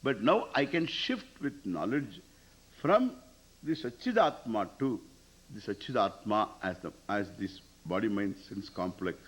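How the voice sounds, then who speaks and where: A man's voice: on the low side, lively intonation, measured pace, rough recording. A man with an Indian accent giving a spiritual discourse, explaining Sanskrit verse emphatically, repeating phrases and posing questions to listeners. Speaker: spiritual teacher. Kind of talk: Vedanta scripture discourse with Sanskrit recitation.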